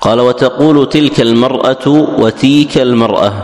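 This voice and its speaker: A man reading a classical Arabic grammar text aloud in steady recitation for the teacher. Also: mid-range voice, fairly quick, a little hiss or hum. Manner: steady recitation, opens each passage with "he said". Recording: roomy hall with long reverb.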